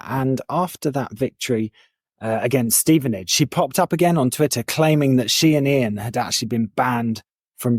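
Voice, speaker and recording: A man's voice: mid-range voice, darkish tone, dry recording, studio quality. A man co-hosting a podcast, narrating in a wry, chatty way. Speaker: podcast co-host.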